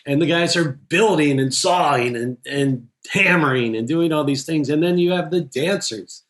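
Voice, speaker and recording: A man's voice: fairly high pitch, slight background noise. A man, a film editor, chatting casually in an interview and telling anecdotes with quoted dialogue. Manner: enthusiastic storyteller, quotes people in his anecdotes. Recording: echoey room.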